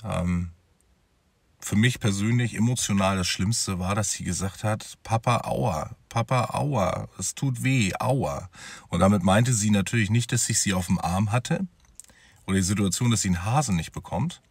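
In a personal vlog, a man tells his own story as a father, talking straight to his viewers in a conversational way. His voice is lowish and husky at a moderate pace, and the recording is dry.

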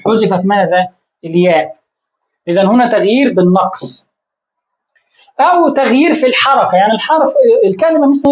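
A woman teaching an Arabic grammar lesson, often pausing to quiz her listeners with rhetorical questions and repeating words while she searches for the next one. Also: on the high side, a little mellow, rough recording. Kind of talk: classroom-style grammar lesson.

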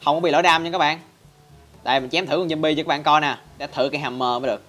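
A man's voice: on the high side, fairly even intonation, rapid-fire, fairly bright tone, soft background music. A man hosting a casual game tutorial in a chatty style, constantly addressing viewers. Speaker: Minecraft channel host.

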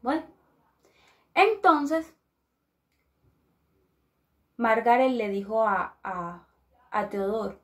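A woman from Colombia telling a dark story aloud in a casual, conversational way, pausing and restarting as she goes. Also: a little high, animated. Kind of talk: oral storytelling.

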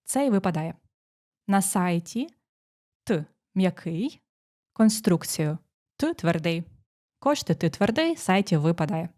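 Woman tutor dictating phonetics slowly. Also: on the low side, lively intonation, a little mellow. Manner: dictating sounds slowly, explaining rules step by step. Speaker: teacher. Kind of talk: exam prep lesson.

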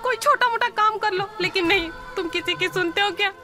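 A woman's voice: very high-pitched, a little fast. An actress playing a poor, worried young wife and mother in a film drama, anxious and scolding. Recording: film soundtrack with music.

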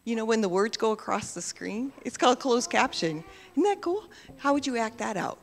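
A woman with a slightly high voice and big pitch swings leads a playful children's message in a church sanctuary, talking to the kids at normal speed and asking them questions. The church hall is reverberant.

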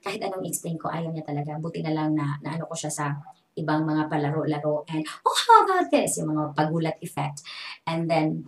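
A woman's voice: low voice, level tone, brisk, darkish tone. A young woman with a Filipino accent, an online English teacher giving a casual, chatty tutorial in English and Tagalog. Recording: echoey room.

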